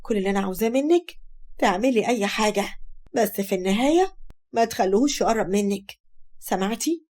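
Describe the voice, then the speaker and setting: A woman's voice: mid-range voice, lively intonation, fairly quick, a little mellow, close to an everyday voice. A woman with an Egyptian accent voicing a harsh, scheming mother who scolds sharply. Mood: scolding. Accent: Egyptian Arabic.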